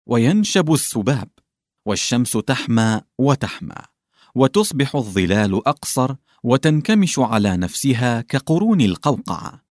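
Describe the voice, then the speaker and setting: A man narrating a literary short story in an expressive, measured reading style. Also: mid-range voice, dry recording, studio quality.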